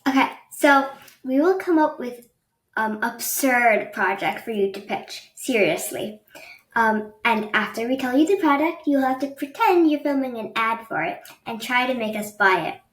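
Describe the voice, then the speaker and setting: Her voice fairly high and bright, a young podcast host sounds animated at a moderate pace as she conducts an interview by video call from her bedroom. She's chatty but somewhat hesitant, saying um a lot. The laptop microphone captures faint noise and an echoey room.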